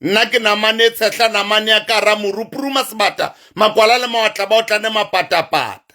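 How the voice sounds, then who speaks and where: A South African traditional healer with a Sesotho-influenced accent livestreams to his online followers. His high voice sounds pushed and bright, and he speaks slowly and emphatically, repeating himself like a preacher.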